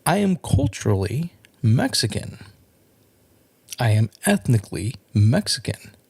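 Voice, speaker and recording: Podcast host, male, gravelly voice that rises and falls widely, earnest solo monologue. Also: mid-range voice, sing-song, a little mellow. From California. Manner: earnest, measured, with repeated restarts.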